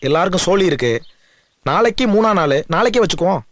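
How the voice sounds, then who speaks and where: A man's voice: high voice, lively intonation, fast talker, a little hiss or hum. An actor playing a brusque village elder man who gives orders. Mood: commanding. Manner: brusque, commanding. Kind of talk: film drama acting.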